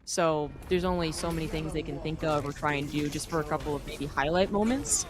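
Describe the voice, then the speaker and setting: A woman's voice: deep voice, expressive, brisk, crowd noise. A woman with an American accent, casting a live esports match in a chatty, playful way. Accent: General American. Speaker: esports caster. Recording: noisy broadcast mix.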